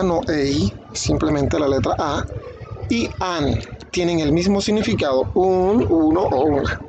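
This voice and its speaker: A man giving a beginner English lesson in Spanish, saying English words slowly and then their meaning. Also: on the high side, noisy background. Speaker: English teacher.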